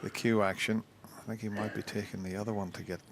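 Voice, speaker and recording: A man giving live snooker commentary in a measured, conversational way. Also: fairly low pitch, flat delivery, very noisy.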